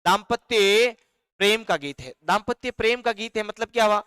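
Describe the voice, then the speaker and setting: A man with a Rajasthani accent teaching an online live class, dictating notes slowly, singing folk song lines and answering chat comments. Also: high-pitched, animated, pushed and bright, clear, resonant tone, dry recording, studio quality.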